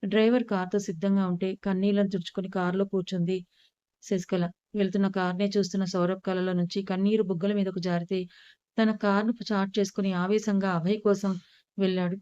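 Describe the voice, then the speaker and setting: Fast, flat-voiced woman storyteller. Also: mid-range voice, clean tone, no echo, muffled recording. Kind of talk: scripted story narration.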